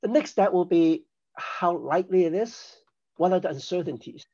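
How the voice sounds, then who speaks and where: A man's voice: sits high, lively intonation, normal speed, mellow, husky, dull audio. An older man from Hong Kong, a podcast guest, explaining risk assessment in a chatty, self-deprecating way. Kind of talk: conversational interview.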